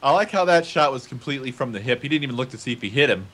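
Bright, high joking male gamer, lively swings. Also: very fast. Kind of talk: casual multiplayer game chat.

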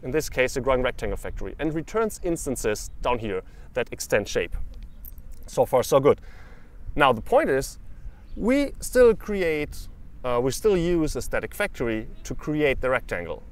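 A man in his thirties teaching programming, explaining code with frequent restarts and fillers. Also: medium pitch. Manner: lively, lots of restarts and uh fillers while explaining. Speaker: programming educator. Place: living room indoors, also outdoors in a park.

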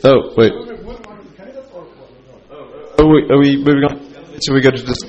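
A man chairing a conference session, brisk and procedural, with some fillers. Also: medium pitch, fairly even intonation, a little mellow. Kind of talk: chairing a meeting. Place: conference hall. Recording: dull conference-room recording.

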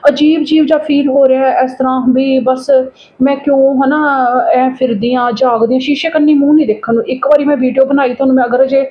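Woman, Punjabi accent, casual vlog chat, high-pitched, lo-fi phone sound. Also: fairly even intonation, fast talker. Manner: chatty, often adds tag questions. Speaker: vlogger. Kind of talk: casual daily-routine vlog talk. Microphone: phone camera.

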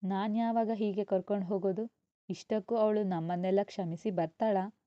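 A woman's voice: medium pitch, fairly even intonation, moderate pace, no echo, lightly acted. Woman voicing a brooding, anxious young man. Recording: dull, dry lo-fi recording.

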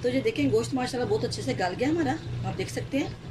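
A woman with a fairly high voice talks a home cook through a recipe, one steady step at a time. Her delivery is calm and unhurried, with short blessings dropped between the steps. Clear background noise sits under her voice. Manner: calm, steady instructions with frequent religious blessings. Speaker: cooking channel host. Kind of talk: step-by-step cooking voice-over. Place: home kitchen.

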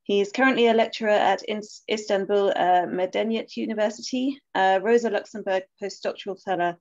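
A woman's voice: medium pitch, steady tone, a little fast, a little mellow. A woman with an Essex accent chairing an academic webinar over a video call, hesitant, with many fillers and restarts. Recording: dull lo-fi call audio.

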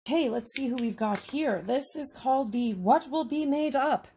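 Indoors at a tabletop, a woman with a high, warm voice speaks at normal speed amid slight background noise. She chats casually with her viewers while unboxing tiny miniatures, talking to the items as she handles them.

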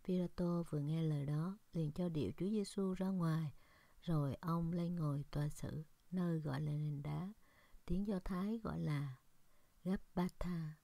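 Woman, measured Scripture reader; low, warm, dry. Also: vocal fry, no room sound. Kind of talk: liturgical Scripture reading.

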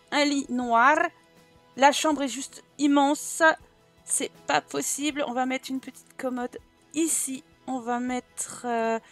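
A woman doing frantic, self-mocking commentary while racing through a timed home-building game challenge. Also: high voice. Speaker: gaming YouTuber. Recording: faint game music behind.

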